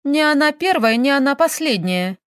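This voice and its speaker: A woman's voice: sits high, animated, normal speed, dry recording, studio quality, voice pushed up. A woman voicing a stubborn, lovesick young village woman who talks in an insistent, pleading way.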